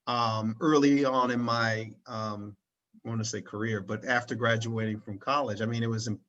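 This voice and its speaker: A man's voice: on the low side, steady tone, normal speed, a bit bright, muffled recording. A man hosting a casual conversational interview over a video call, rambling with many restarts and checking in with "right?". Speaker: interviewer and channel host. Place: at home in Switzerland, recorded over a video call.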